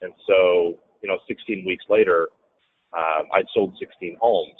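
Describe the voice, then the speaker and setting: Low husky guy spinning a story, gets loud for the quotes, thin phone-ish sound. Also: a little slow. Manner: animated, acts out quotes in a raised voice. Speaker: guest, real estate businessman. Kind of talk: storytelling in a casual interview. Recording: tinny phone-like audio.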